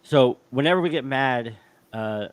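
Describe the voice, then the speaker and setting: A man co-hosting a podcast, telling a story in casual, animated chat. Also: mid-range voice, unhurried, clear, resonant tone. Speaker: podcast co-host.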